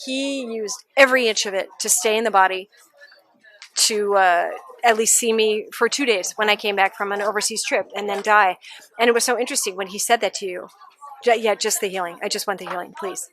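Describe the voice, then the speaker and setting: A woman telling lively, laughing stories about her cat in a casual interview. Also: medium pitch, brisk, a little hiss or hum. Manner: animated, laughing storyteller. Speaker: interviewee, pet owner. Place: outdoor adoption event.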